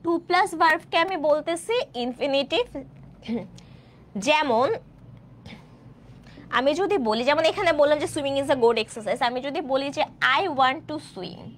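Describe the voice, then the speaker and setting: High lively young woman tutoring grammar. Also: slight background noise. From Bangladesh. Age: 20s. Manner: keeps asking students questions to check understanding; stretches out example sentences slowly. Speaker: admission test English tutor. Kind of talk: online grammar class.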